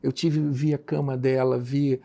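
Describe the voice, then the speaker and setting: Gravelly Brazilian man telling a story. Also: mid-range voice, level tone, measured pace, dark tone. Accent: Brazilian Portuguese. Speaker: podcast guest. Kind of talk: personal storytelling in a podcast conversation.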